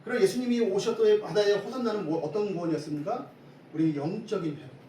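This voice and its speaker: A man preaching a lively Sunday sermon from the pulpit. His voice sits high and rings through a big echoing church. He is picked up from a distance over a faint hiss. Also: fast. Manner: lively preaching, asks the congregation questions. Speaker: pastor. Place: church sanctuary. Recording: echoey hall from far off, faint hiss.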